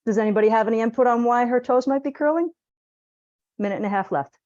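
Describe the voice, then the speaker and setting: A woman teaching a live group exercise class in a lively, chatty, joking and direct way. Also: on the high side, fast talker, dry recording, lo-fi sound. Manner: direct, plain-spoken coaching. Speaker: posture exercise instructor.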